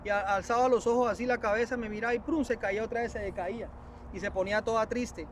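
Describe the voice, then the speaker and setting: A preacher telling a religious testimony in a halting, repetitive way, often addressing his listeners as brothers. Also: high-pitched, steady tone, a little hiss or hum. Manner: earnest, repetitive, halting storytelling with many restarts.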